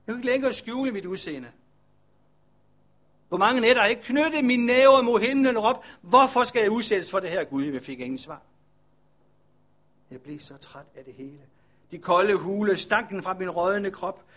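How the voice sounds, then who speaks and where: A man's voice: sits high, a bit bright, pitched above the performer's own voice. A man voicing a weary, humble male leper farmer who is telling his own story earnestly in the first person. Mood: weary, bitter.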